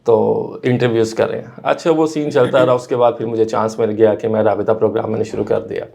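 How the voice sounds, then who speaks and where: Gravelly-voiced man, earnest. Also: fairly low pitch, steady tone, dark tone. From Pakistan. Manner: earnest, explanatory, mixes in English phrases. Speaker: guest, radio and TV news anchor. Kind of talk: conversational interview answers.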